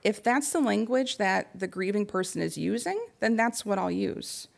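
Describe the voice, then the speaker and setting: A young adult woman giving a prepared talk on supporting grieving people, speaking gently and pausing often. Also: medium pitch, lively intonation, vocal fry.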